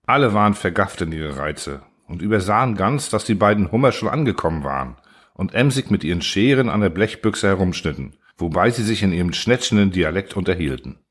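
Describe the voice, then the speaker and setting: A man narrating a story in a measured, dramatic storytelling manner. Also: sits low, expressive, slightly rough.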